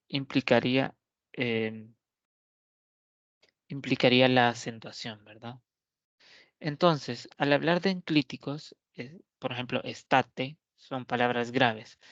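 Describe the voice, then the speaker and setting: Male teacher, very slow and methodical delivery, mid-pitched voice; dull lo-fi recording, dry and close. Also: a bit bright, dry recording. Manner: slow, deliberate explaining with frequent pauses and checks on the listener. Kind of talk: recorded grammar lesson.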